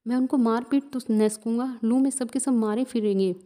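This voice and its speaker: A woman's voice: fairly high pitch, steady tone, moderate pace, warm tone, close to an everyday voice. A woman voicing a brooding, proud young village man who answers in curt, sullen retorts.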